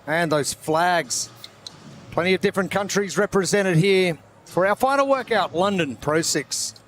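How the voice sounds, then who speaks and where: A man's voice: high voice, lively intonation, unhurried, fairly bright tone, slight background noise. A man commentating live as lead host at a sports competition.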